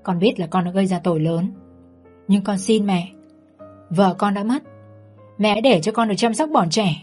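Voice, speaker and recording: A woman's voice: medium pitch, normal speed, darkish tone, husky, soft background music, close to an everyday voice. A woman voicing a remorseful man, once jailed, who pleads humbly with his mother-in-law. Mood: pleading.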